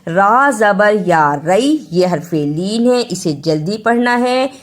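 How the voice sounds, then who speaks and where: Slow, deliberate woman teaching recitation. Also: medium pitch, expressive. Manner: slow, deliberate letter-by-letter spelling of sounds. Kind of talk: tajweed lesson, explaining pronunciation and reciting verses.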